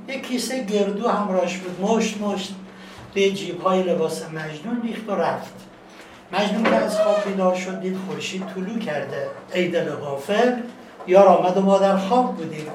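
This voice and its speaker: A man giving a lecture as a guest teacher, telling a story in an animated storyteller's manner. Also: high-pitched, a little hiss or hum. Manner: animated storyteller, acts out voices. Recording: echoey room, distant mic, faint ambience.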